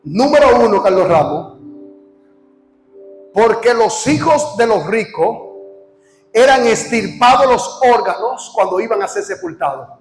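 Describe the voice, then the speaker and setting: Preacher guy yelling his sermon, really high voice, echoey church with music and crowd. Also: lively intonation, unhurried, long pauses. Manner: impassioned, often shouting, asks the congregation questions. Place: church, live service. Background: music and congregation.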